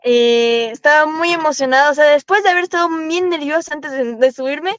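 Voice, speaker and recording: A young woman from Ecuador with a high voice, talking eagerly as a guest on a podcast. She rambles quickly and restarts her sentences often. The sound is dull and lo-fi, in a dry room. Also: no echo. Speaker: guest racing driver. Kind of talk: podcast interview.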